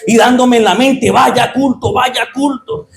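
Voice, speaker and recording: A man's voice: very high voice, steady tone, measured pace, creaky. A Colombian pastor with a Santander accent, a man giving his testimony in church with fervent preaching, keeps calling his listeners brother. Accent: Santander Colombian Spanish. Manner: fervent preaching, often breaks into shouting. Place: church with a congregation.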